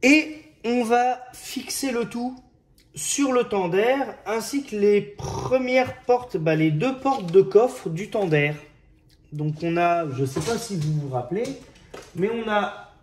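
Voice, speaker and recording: A man's voice: sits high, slow. A man casually presenting model kit issues, hesitant and chatty, with frequent fillers and restarts. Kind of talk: casual hobby video narration.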